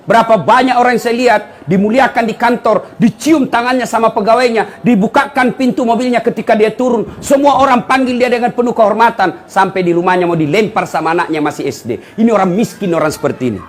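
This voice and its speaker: A male Islamic preacher giving a humorous sermon to a congregation, telling animated stories and turning to the audience with joking asides. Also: sits high, brisk, slight background noise.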